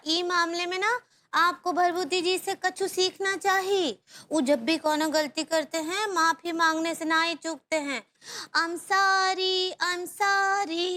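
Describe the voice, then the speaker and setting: An actress, playing an innocent, sing-song housewife in a TV sitcom. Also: female voice, very high-pitched, sharp tone, heavily acted. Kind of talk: sitcom acting.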